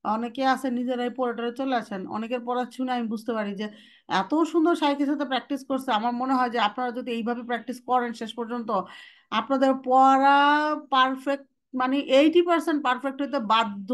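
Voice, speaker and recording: A woman teaches a recitation class. She talks in a casual, direct way and stretches out the letter sounds slowly to model them. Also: sits high. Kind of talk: online class instruction.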